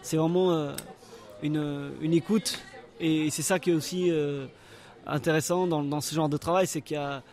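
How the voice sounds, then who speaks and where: A man from Portugal, a circus performer answering interview questions in a halting way, often searching for words. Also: on the high side, fairly even intonation, darkish tone.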